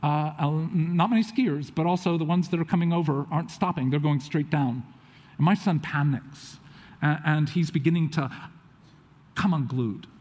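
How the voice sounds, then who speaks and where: A man telling a family story to an audience, acting out what others said in lively quoted voices. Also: a little high, moderate pace. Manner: animated, acts out quotes of others. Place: auditorium. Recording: long hall reverb.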